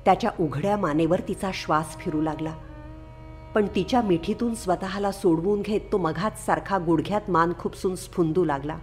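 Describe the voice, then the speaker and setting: A woman reading her own literary love story aloud in a measured, expressive narration, with faint instrumental music behind. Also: on the low side. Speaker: author and story reader.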